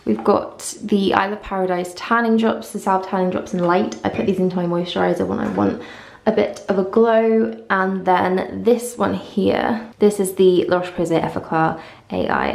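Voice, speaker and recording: A woman's voice: mid-range voice, vocal fry, darkish tone. A woman vlogger talking casually to camera in an echoing bathroom, chatty and informal with little self-deprecating asides. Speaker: beauty vlogger. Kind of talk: casual chat to camera, morning routine walkthrough. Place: small indoor bathroom. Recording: echoey tiled bathroom.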